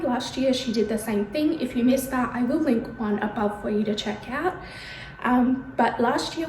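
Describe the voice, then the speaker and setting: A woman's voice: a little high, darkish tone, reverberant, a little hiss or hum. An Australian woman talking casually to camera at home, a little out of breath, with frequent ums. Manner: chatty, with many ums. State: out of breath from pain. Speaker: vlogger. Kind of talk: casual vlog talk to camera. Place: bedroom at home.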